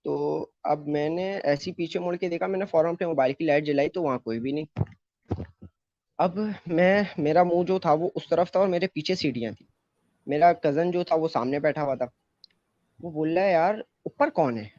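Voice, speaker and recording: A man's voice: fairly high pitch, normal speed, a little mellow, dry recording. A man casually telling a story about his own experience, with many fillers and restarts. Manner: loose rambling retelling with many fillers. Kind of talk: casual first-person storytelling. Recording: dull, muffled, dry close mic.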